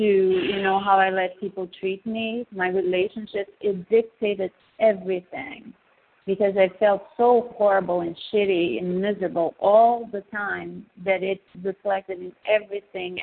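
A woman's voice: fairly low pitch, vocal fry. A woman sharing personal experience on a group call, earnest and emphatic, peppering her talk with filler phrases. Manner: earnest, emphatic, says "you know" often. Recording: thin phone line.

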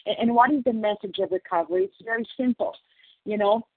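Husky woman on a crackly phone line. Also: a little high, expressive, fast talker, no echo. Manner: earnest, explanatory, repeats key phrases. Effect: crackly phone line fading in and out. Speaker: meeting participant sharing. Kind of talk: sharing at a recovery phone meeting. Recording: tinny dry phone line.

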